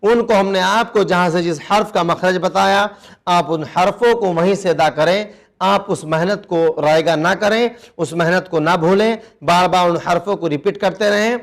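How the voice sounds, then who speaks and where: Guy with a high voice teaching kids quran reading, says each word over and over, slow and patient. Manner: patient, repeats each word slowly for children. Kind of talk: children's recitation lesson.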